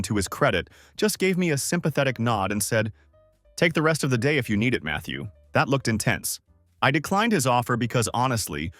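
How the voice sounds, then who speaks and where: A man's voice: medium pitch, fairly bright tone, no room sound. A man narrating a scripted first-person story in a dry, sardonic manner.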